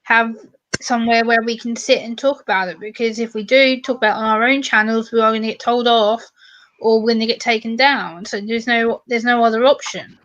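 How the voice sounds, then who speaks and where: A woman's voice: on the high side, steady tone, brisk, fairly bright tone, highs cut off. A woman in a casual online group chat who explains her point firmly.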